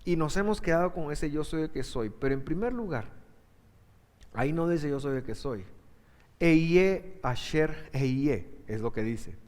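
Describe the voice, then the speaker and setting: A male pastor preaching a sermon emphatically, with sudden surges in pitch and loudness. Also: lively intonation, moderate pace. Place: church. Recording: echoey hall reverb.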